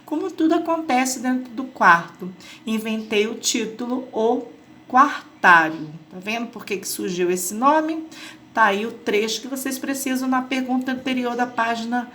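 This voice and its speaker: Brazilian female schoolteacher, patient explainer, slightly high pitch, light background hiss. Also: normal speed, fairly bright tone. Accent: Brazilian Portuguese. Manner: patient, checks in with "tá?" and "né?". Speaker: teacher. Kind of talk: explanatory lesson for children.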